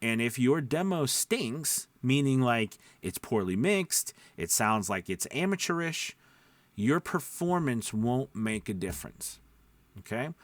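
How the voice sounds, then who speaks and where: Very animated and a little slow, this medium-pitched male voice is heard without echo. He mentors as a voice-over coach in a loose, conversational, emphatic manner, wandering off track, interrupting himself and regularly checking in with short questions.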